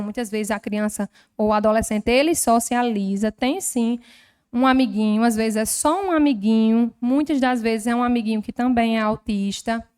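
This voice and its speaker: A health professional with a Northeastern Brazilian accent lectures at a formal session in a slightly high, smooth voice. She explains step by step and piles up everyday examples. Her tone is gently didactic. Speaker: health professional giving a talk. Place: legislative chamber.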